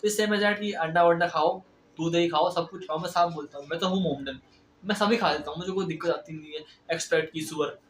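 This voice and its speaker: High-voiced young man, rushed advice. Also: a bit bright, slight background noise. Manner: rushed, admits talking fast and stressed, with Hindi-English mixing. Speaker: self-improvement vlogger. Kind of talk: casual motivational advice vlog. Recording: roomy echo.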